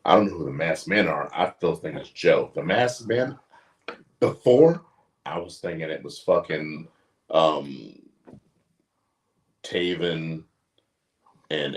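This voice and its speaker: A man's voice: a bass voice, measured pace, pauses often. A man co-hosting a casual wrestling recap podcast, telling stories with lots of swearing. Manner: swearing, animated storytelling. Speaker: podcast co-host. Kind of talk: casual chat.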